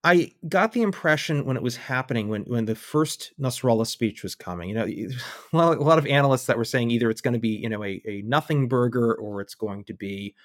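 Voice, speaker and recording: A man's voice: mid-range voice, expressive, brisk, no room sound. Dry-sounding man analyzing with wry asides. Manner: thinking aloud, wry asides and mock voices. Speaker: guest analyst on militia groups. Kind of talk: conversational podcast interview.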